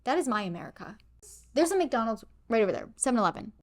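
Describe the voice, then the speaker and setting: A woman's voice: on the high side, sing-song, fast talker, no echo. A young woman co-hosting a podcast, chatting casually and rambling with lots of fillers. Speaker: podcast co-host. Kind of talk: casual chat.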